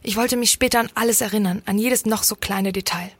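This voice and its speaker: Husky-voiced woman reading a story. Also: mid-range voice, steady tone, brisk, dry recording. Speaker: story reader. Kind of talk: scripted story narration.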